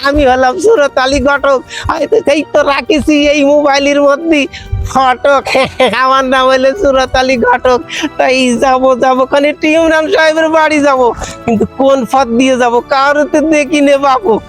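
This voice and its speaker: A man's voice: extremely high pitch, fairly even intonation, normal speed, fairly bright tone, faint music behind. A man playing a flustered village matchmaker. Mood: chatty. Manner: flustered, pleading, repeats himself. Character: fussy bumbling male village matchmaker. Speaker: comic actor. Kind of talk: rural comedy skit acting.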